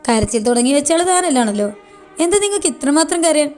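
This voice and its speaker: A woman's voice: high-pitched, animated, quick pace, darkish tone, soft background music. A woman voicing a teasing, easygoing young man in a spoken love story, chatting in a playful, bantering way.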